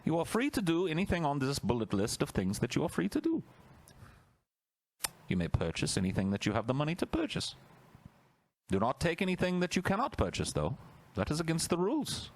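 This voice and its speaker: A man's voice: a little high, wildly swooping pitch, a little fast, long pauses, pitched above the performer's own voice, exaggerated voice. A man voicing an officious, commanding authoritarian official who recites rules formally in an escalating comedy rant. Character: barking officious male authoritarian official demanding papers.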